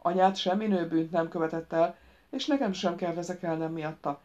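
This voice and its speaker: A woman voicing a patient, wry woman of thirty in an audiobook, calm and explaining. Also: on the low side, dull audio, natural voice.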